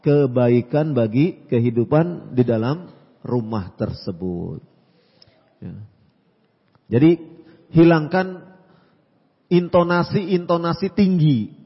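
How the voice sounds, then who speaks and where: Male preacher, Q&A lecture, calm and repetitive, highish voice, dull lo-fi recording. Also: slightly rough, in a large hall. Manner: calm, advising, repeats phrases with frequent "ya". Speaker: Islamic preacher answering questions. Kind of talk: religious Q&A lecture.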